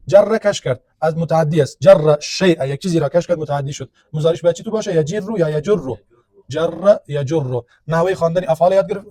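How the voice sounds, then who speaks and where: A man's voice: high-pitched, mellow, no room sound. A male teacher, giving a grammar lecture. He works through each point step by step, often asking a question and answering it himself. The recording is close and dry, with no room sound. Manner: explains step by step, asks and answers his own questions.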